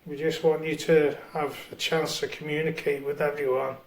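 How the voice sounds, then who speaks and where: A man on a ghost hunt in a dark cellar, earnestly calling out to spirits to come forward. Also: a little high, level tone. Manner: earnest, measured pleas. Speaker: ghost hunt team member. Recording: echoey cellar room.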